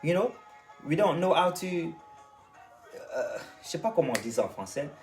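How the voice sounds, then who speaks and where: A man's voice: fairly high pitch, big pitch swings, unhurried, distant mic, soft background music. A man from Côte d'Ivoire with an Ivorian French accent, ranting straight at another creator in a vlog, lecturing and repeating his points. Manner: lecturing, repetitive, addresses his target directly. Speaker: vlogger and singer. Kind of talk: ranting monologue to the camera.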